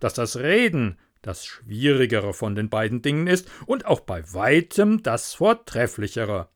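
A man's voice: mid-range voice, sing-song, unhurried. A man playing a pompous, selfish older miller in a storybook, speaking in a moralizing, self-satisfied way.

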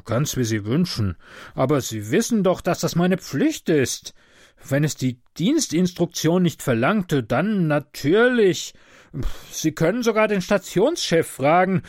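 A man voicing a timid but officious middle-aged male train conductor who speaks stiffly and gives way quickly. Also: on the high side, animated, no room sound, clean studio sound, pitched above the performer's own voice. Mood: defensive.

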